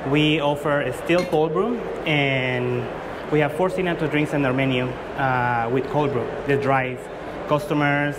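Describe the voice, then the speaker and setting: A man's voice: a little high, fairly even intonation, measured pace, few pauses. Earnest man in a noisy hall. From Guatemala. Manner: earnest, with frequent fillers and restarts. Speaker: competing barista. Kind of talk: competition presentation to judges. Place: large indoor exhibition hall. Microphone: far camera. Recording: loud hall noise from far off.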